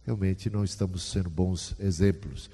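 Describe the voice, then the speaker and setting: A man's voice: low voice, steady tone, normal speed, dark tone, husky, in a large hall. A man preaching a sermon in a conversational way, often asking the congregation questions. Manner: conversational, asks the audience questions.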